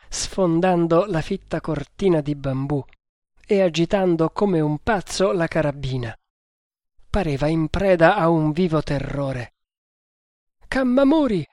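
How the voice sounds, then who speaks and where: Slow, measured male audiobook narrator. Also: fairly high pitch, darkish tone, no echo, studio quality. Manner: measured, deliberate storytelling. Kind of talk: scripted narration of an adventure novel.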